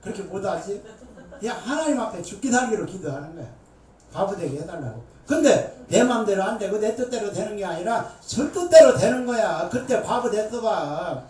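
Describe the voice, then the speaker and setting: A middle-aged woman, a seminary dean, preaching a Bible lecture with emphatic, animated delivery to an audience. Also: mid-range voice, moderate pace. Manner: emphatic, animated, with bursts of shouting and laughter. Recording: echoey room, voice far from mic.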